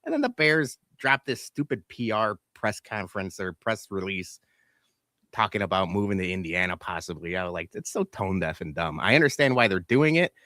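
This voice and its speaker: A man's voice: low-pitched, very animated, moderate pace, bright, forceful tone, no echo. A man hosting a podcast, chatting loosely and swearing, with many restarts. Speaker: podcast host. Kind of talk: casual podcast chat.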